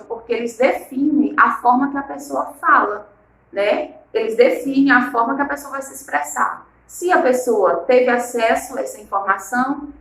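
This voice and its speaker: A woman's voice: on the high side, bright, forceful tone, echoey room, low-quality recording. A woman teacher from Maranhão with a northeastern Brazilian accent, explaining a lesson and asking the class rhetorical questions. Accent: Maranhão Brazilian Portuguese. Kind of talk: recorded online class lesson.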